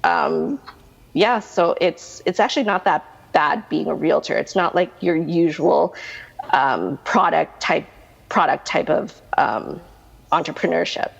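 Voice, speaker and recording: A woman's voice: sits low, animated, unhurried, creaky, slightly rough, big-room sound, dull audio. A woman in her thirties with a Canadian accent, answering interview questions in a chatty, rambling way full of restarts and fillers. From Canada, Manitoba. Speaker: guest, realtor.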